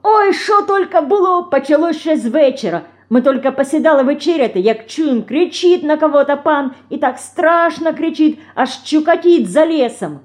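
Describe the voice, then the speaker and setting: A woman voicing a sharp-tongued young village girl who scolds and chatters in rural dialect. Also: a little high, expressive, normal speed, few pauses, lightly acted. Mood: excited chatter.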